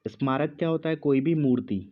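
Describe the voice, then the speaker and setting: Male teacher, slow measured dictation, muffled lo-fi sound. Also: fairly high pitch. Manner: speaks slowly with pauses, repeats each word. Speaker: Hindi teacher.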